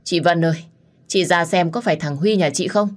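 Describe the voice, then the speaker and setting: A woman voicing a flustered neighbor rushing in with alarming news. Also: fairly low pitch, close to an everyday voice. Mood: urgent. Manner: urgent, breathless.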